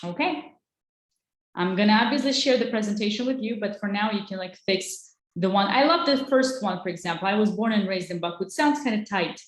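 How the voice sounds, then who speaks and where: A woman's voice: medium pitch, lively intonation, a little fast, echoey room. A woman, teaching an online English lesson in an encouraging way. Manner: encouraging, switches between English and Azerbaijani.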